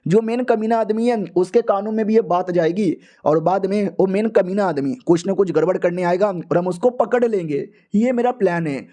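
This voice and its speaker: A man's voice: sits high, normal speed, few pauses, mellow. A man narrating a comic book recap in a slangy, chatty, joking way. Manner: slangy, chatty, laughs along. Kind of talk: casual comic storytelling.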